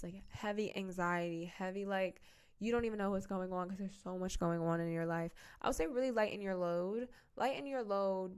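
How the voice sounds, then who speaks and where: A woman's voice: medium pitch, clean tone. A woman giving a casual tarot reading to camera from home, rambling and chatty, full of fillers and restarts. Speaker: tarot reader.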